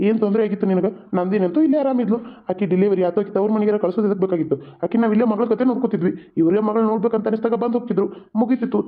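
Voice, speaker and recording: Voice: medium pitch, lightly acted. A voice actor playing a stern, middle-aged village man who heads the family and scolds sharply. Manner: scolding, rapid. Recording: tinny, phone-like audio.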